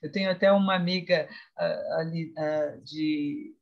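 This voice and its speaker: Slow soft-spoken woman on a muffled call. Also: sits low, fairly even intonation, creaky. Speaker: session moderator. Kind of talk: video call chat at an academic session. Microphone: video call.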